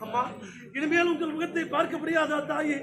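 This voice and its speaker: An actor playing Parasurama, a stern young warrior son with an axe, in a village stage drama, declaiming formally and shouting questions. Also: male voice, very high-pitched, flat delivery, fairly quick, a loud crowd. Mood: grieving. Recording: echoey live stage with loud music.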